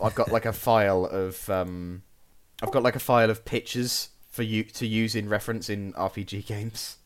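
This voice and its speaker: Excitable man, casual podcast chat. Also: lowish voice, clear, resonant tone. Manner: excitable, laughs often, trailing restarts. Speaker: podcast co-host, archaeologist.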